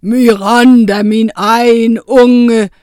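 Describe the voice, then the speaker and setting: A woman voicing a schoolboy who turns into a huge male dragon, talking in a rumbling, booming way in a storybook reading. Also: fairly even intonation, darkish tone, no room sound, studio quality, lightly acted. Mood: roaring.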